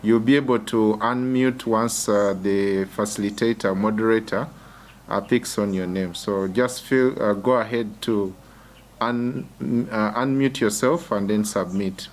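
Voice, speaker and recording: A man's voice: on the low side, steady tone, measured pace, a little hiss or hum. A man facilitating an online workshop over a video call, hesitant and restarting his sentences. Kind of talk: giving instructions on a call.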